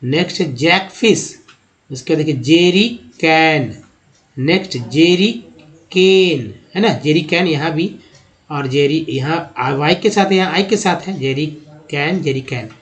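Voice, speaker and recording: Man slowly drilling English words. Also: on the high side, low-quality recording. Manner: drawn-out repeated words, steady drilling. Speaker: English teacher. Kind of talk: slow pronunciation lesson, reading a word list.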